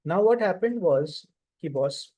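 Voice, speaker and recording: Mellow North Indian man, lecturing informally. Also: high-pitched, expressive, measured pace. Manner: informal, Hindi interjections mixed into English. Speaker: lecturer teaching auditing. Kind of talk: conversational classroom lecture.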